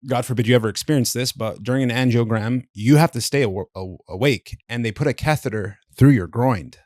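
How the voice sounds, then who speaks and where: Guy, mid-pitched, dry close mic, candid and slangy storyteller for a podcast interview. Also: brisk, no echo. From Southern California. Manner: candid, slangy, animated storytelling with frequent swearing. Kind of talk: casual personal storytelling.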